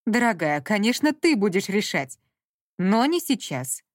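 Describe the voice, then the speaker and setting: A woman voicing a domineering, guilt-tripping middle-aged mother who talks down slowly and scolds, in a dry audiobook reading. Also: medium pitch, big pitch swings, dry recording. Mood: condescending. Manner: slow, scolding and condescending.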